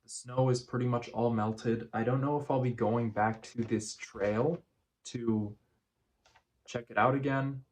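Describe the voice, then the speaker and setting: A man giving a casual running vlog recap in measured, deliberate phrases with frequent pauses. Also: medium pitch, fairly even intonation, a little hiss or hum. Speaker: running vlogger.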